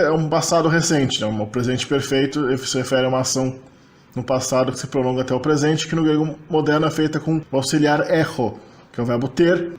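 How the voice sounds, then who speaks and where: A man giving a narrated slide lecture on linguistics, explaining each table step by step. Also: medium pitch. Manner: methodical and explanatory, walking through tables step by step.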